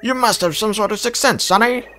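A man's voice: sits high, fairly quick, sharp tone, faint music behind, voice pushed up. A man voicing a ghost who pretends to be a turtle companion, in a put-on British accent with chummy old-chap phrasing. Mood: gracious.

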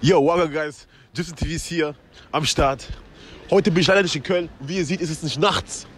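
A young man from western Germany works a pedestrian shopping street with a handheld mic, rambling energetically and dropping English slang. His voice sits a bit high for a man, with faint street noise around him. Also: fairly quick, a bit bright. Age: young adult. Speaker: street interviewer. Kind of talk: street comedy interview. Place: outdoor city shopping street. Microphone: handheld microphone.

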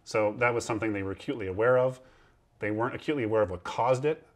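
This museum ship guide, a man in his thirties, speaks very fast with a fairly low voice while touring below deck on a historic ship. Wearing a lapel mic, he explains chattily and acts out quoted sailors.

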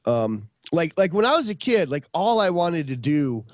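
A man's voice, pitched on the high side and sing-song, moving at normal speed in a studio-quality recording without room sound. He's a podcast guest in his early fifties from upstate New York, chatting casually through stories over a video call, rambling with many fillers and restarts.

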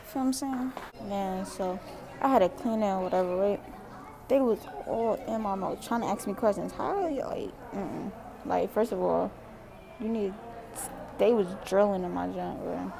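A woman's voice: mid-range voice, moderate pace, creaky, background noise. A nineteen-year-old woman vlogging through a face mask, in laid-back slangy street talk, at a dental office. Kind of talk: casual vlog chat.

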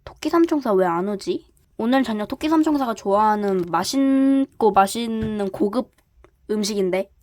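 A woman's voice: medium pitch, lively intonation, moderate pace, a little mellow. A woman telling a toy-play story as the caretaker, calling out cheerfully.

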